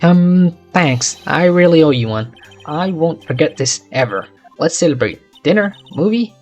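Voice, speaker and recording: A man's voice: a little high, animated, a little slow, soft background music. A man voicing a lovesick young man in a courtroom game, whiny and melodramatic, in a put-on accent. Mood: mopey.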